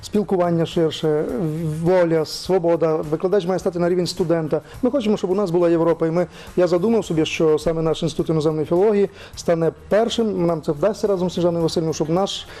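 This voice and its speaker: A man's voice: a little high, fairly even intonation, fast, few pauses, dark tone. A man on a studio interview panel, talking in an expansive, enthusiastic way.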